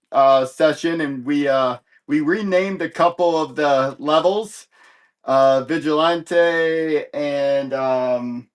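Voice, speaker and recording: On a live stream selling comic books, a man with a somewhat high voice chats casually. He rambles in an easygoing way, correcting himself and slipping in light jokes.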